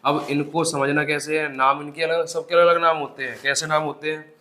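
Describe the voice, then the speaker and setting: A man's voice: on the high side, little pitch movement, brisk, pushed and bright. Man teaching Hindi in an echoey room. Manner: asks the class questions and answers them himself; calls the students "bhai", drills terms by repetition. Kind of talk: exam-prep lesson.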